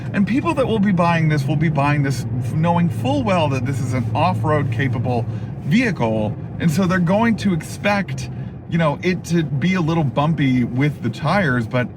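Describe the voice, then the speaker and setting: A man's voice: on the high side, expressive, normal speed. A man hosting a casual car review, talking as he drives a pickup truck, with lots of fillers like "like" and "you know". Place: inside a pickup truck while driving. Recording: road and engine noise in a moving truck.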